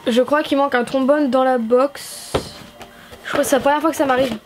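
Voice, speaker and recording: High-voiced gushing young Frenchwoman. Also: fairly even intonation, a little fast, a little hiss or hum. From France. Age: young adult. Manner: gushing, enthusiastic, chatty with fillers. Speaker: YouTuber unboxing stationery. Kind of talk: casual vlog unboxing.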